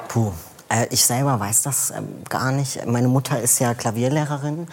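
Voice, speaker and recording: A man's voice: mid-range voice, normal speed, darkish tone, a little hiss or hum. A young man as a guest on a talk show, chatting casually with many fillers.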